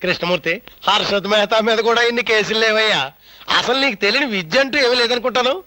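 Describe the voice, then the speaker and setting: A meddling neighbor uncle who mocks and accuses. His voice is high and bright, with light music underneath. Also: quick pace. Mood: mocking. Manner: mocking, accusatory. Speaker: supporting actor in a film. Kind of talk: film comedy dialogue.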